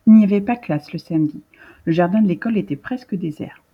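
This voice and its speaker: A woman reading a storybook aloud in an even, measured way, with a husky voice. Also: on the low side, muffled recording. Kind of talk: scripted storybook narration.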